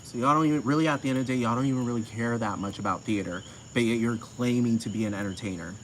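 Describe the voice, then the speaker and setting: A man's voice: mid-range voice, quick pace, a bit bright, slight background noise, low-quality recording. A man ranting to camera in a casual, profane, heated way, repeating himself.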